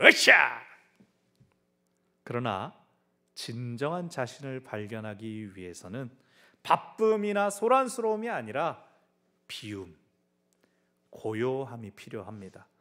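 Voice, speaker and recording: A man preaching a sermon as pastor, conversational and humorous, with dramatic acted-out quotes. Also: a little high. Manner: dramatic, acting out quoted voices with big swings.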